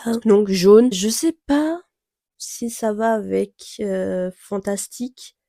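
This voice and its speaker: A young woman chatting casually to camera about her reading plans, rambling with many fillers and soft laughs. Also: mid-range voice, slow pace, creaky, no echo, clean studio sound. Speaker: book vlogger.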